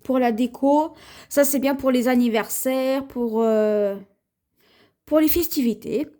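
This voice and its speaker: A French woman talks through her shopping haul at an easy, unhurried pace, pausing often with fillers. Her voice sits high but sounds soft and mellow. It has the homey feel of a casual vlog. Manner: slow, chatty, hesitant with many fillers. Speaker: haul vlogger. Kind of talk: casual haul video, showing items to camera.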